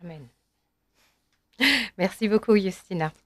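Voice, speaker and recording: A woman's voice: mid-range voice, measured pace, dark tone, no room sound. A woman hosting a program, thanking a guest and announcing the next piece of music. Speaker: radio host. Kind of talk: program presenting.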